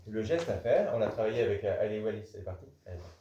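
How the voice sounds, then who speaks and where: A man with a lowish voice teaches a cello master class at a very fast clip, animatedly correcting a student with repeated "non" and singing out the bow rhythms. He is in a rehearsal hall where a cello is playing. The sound is roomy, distant and dull, with a loud cello and slight background noise.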